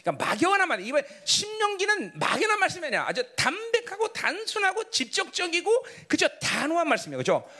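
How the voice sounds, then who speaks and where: A middle-aged man preaching a sermon as pastor. He is emphatic, keeps asking the congregation "right?", and swings between shouting and low murmurs. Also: huge pitch swings, fast, few pauses.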